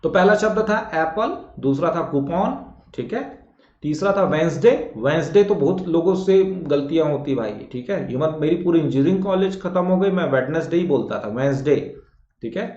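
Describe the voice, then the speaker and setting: A young man teaching an English class in Hindi, who repeats words slowly to drill pronunciation and speaks casually to his students. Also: a little high, lively intonation, darkish tone. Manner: colloquial, addresses students as bhai and beta. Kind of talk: classroom lesson. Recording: dull, echoey classroom sound.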